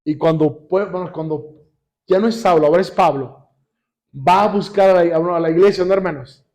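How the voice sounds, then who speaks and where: A man preaching a sermon in church, repeatedly asking the congregation questions and reading scripture slowly. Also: high-pitched, darkish tone. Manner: addresses congregation constantly with rhetorical questions; reads scripture slowly and deliberately. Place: church service.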